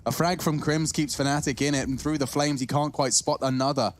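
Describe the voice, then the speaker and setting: A man giving excited, dramatic play-by-play commentary as an esports caster. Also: fairly high pitch, brisk. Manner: dramatic, urgent delivery. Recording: clear noise behind the voice.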